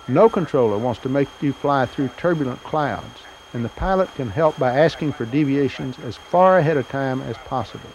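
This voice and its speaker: On a muffled, noisy old training tape, a man with a medium-pitched, slightly mellow voice delivers scripted instruction for pilots in a plain-spoken, explanatory way.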